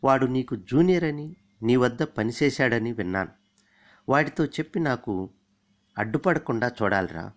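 A bossy middle-aged man who hands out orders instead of asking, voiced by a storyteller who raises his pitch and volume for him. His voice is brusque and commanding in a read-aloud story. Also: expressive, moderate pace, pauses often, close to an everyday voice. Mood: demanding.

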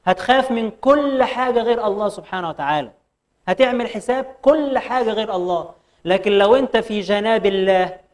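A man with an Egyptian Arabic accent giving a religious lecture, firing rhetorical questions and reciting verses slowly. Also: high-pitched. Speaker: preacher.

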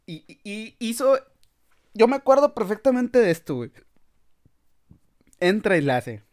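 A man's voice: high voice, big pitch swings, unhurried, darkish tone. A man with a Mexican accent, hosting a podcast and telling a story in casual comic style, full of crude slang and frequent laughter. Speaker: podcast host.

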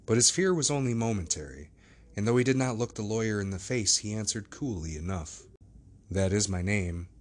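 A man narrating a classic novel as an audiobook, in measured, steady storytelling. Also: on the low side.

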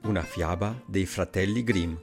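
A man narrating a fairy tale in an expressive storytelling manner. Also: deep voice, normal speed, vocal fry, over loud music.

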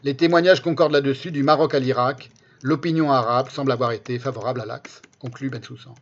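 A man's voice: mid-range voice, steady tone, quick pace. A man reading quotations aloud and adding spoken asides, emphatically repeating key phrases for stress. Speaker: commentator presenting a history book. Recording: dull, lo-fi sound.

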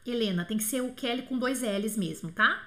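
Female French teacher, slightly high voice, patient and repetitive, live class answering chat. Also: sharp tone. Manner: patient, repeats words slowly to model pronunciation; answers viewers' questions by name. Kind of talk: live online lesson.

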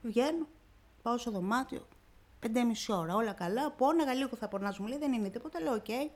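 A woman's voice: a little high, lively intonation, a little mellow. A woman guest on a radio interview, vividly retelling her own story and acting out the dialogue in it. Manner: vivid retelling, acting out quoted dialogue with constant "I say, she says". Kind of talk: emotional personal storytelling on radio.

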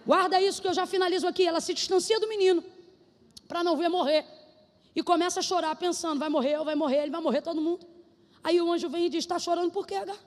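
High-pitched woman preaching in a reverberant hall. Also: steady tone, fast. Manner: shouted prophetic declarations, then conversational. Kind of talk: sermon.

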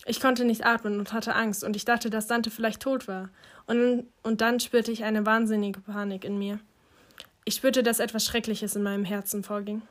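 Soft-spoken woman reading a novel. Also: on the high side, level tone, normal speed. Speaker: audiobook reader. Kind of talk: first-person novel reading.

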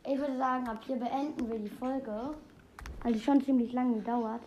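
A woman giving casual, excitable gaming commentary, rambling through fun facts with many restarts. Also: a little high, moderate pace, a little hiss or hum. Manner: excitable, keeps exclaiming "Junge". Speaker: let's play host.

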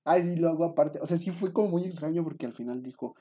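A man's voice: on the high side, fast talker, warm tone. A young man with a Mexican accent telling a rambling, self-mocking story to his viewers, full of fillers. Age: young adult. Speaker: vlogger.

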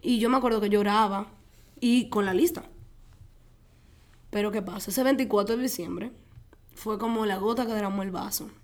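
A young adult woman, a guest, telling a personal story in an animated way, laughing often and acting out her own quotes. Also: medium pitch, moderate pace, pauses often.

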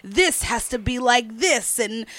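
A woman's voice: on the high side, lively intonation, slow pace, a bit bright. A woman in casual podcast chat, talking openly and reflectively and laughing often.

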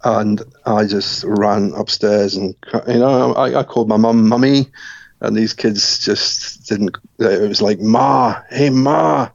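A middle-aged man from Scotland, speaking as an interview guest and telling his life story in a reflective, measured way with frequent restarts. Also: on the low side, steady tone, no echo, lo-fi sound.

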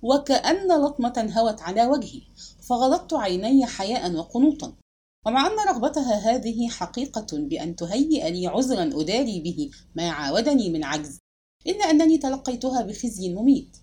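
A woman narrating a literary audiobook with expressive, dramatic storytelling. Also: fairly high pitch, fairly quick, breathy edge.

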